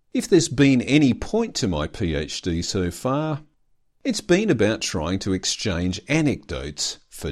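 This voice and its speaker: Low-voiced man with dry, lively delivery. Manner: dry, self-mocking humor. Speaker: podcast host, doctoral student. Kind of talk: scripted podcast narration.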